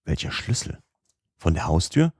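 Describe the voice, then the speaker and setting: A man voicing an absent-minded, excitable old professor in an audiobook, with gruff, abrupt exclamations. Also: low voice, normal speed, no room sound, clean studio sound, exaggerated voice.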